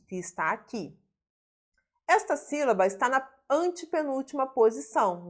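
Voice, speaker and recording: A Brazilian woman teaching a grammar lesson, stretching out words one at a time before quick, clipped verdicts. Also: mid-range voice, a bit bright. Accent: Brazilian Portuguese. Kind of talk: grammar lesson solving exam questions.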